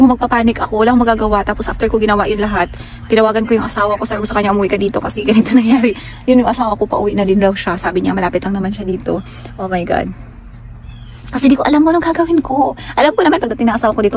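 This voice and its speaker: A Filipino woman films a casual vlog on a handheld phone at home and just outside the house, sounding shaken and scared and exclaiming often. She has a medium-pitched voice with a Filipino accent. The phone recording is noisy.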